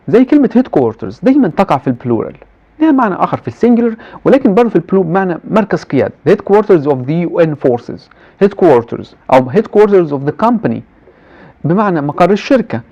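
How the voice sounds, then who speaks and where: A man with an Egyptian Arabic accent teaching English translation, reading English examples slowly and explaining fast in colloquial Arabic. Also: high voice, dark tone. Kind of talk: university lecture mixing Arabic and English. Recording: dull lo-fi recording.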